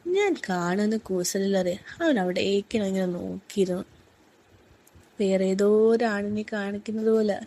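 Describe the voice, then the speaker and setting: A woman reading a first-person story aloud in a soft, unhurried, intimate way. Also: medium pitch.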